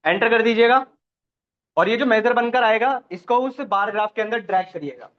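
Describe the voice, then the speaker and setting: A man teaches a live online class, pausing often to check on his students. His voice sits high. The recording is dull and lo-fi.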